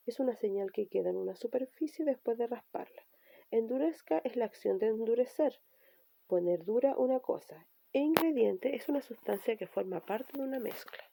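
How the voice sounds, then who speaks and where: A woman teacher walks pupils through spelling rules, restating each point patiently. Her voice is gravelly and darkly mellow. The recording is dry and close. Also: a little high, dry recording. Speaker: primary school teacher. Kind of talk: recorded remote language lesson.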